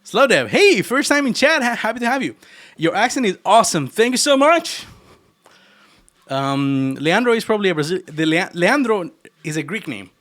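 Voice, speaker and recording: A man from Argentina streams himself programming, bantering teasingly with viewers and laughing frequently in his Argentine Spanish accent. He has a high, a bit bright voice, very animated, at normal speed.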